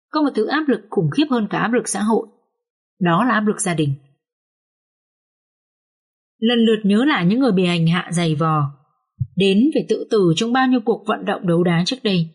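A woman reads a psychological story aloud in the first person. Her telling is slow and sorrowful, at a middle pitch for a woman. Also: a little mellow. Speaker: audiobook reader. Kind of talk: expressive story narration.

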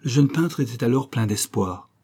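A man narrating a novel as an audiobook in measured, scripted storytelling. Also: mid-range voice, lively intonation, mellow.

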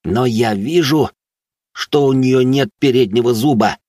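A man narrating a first-person fantasy audiobook in a low-key, wry way. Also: a little slow, warm tone, no echo, studio quality.

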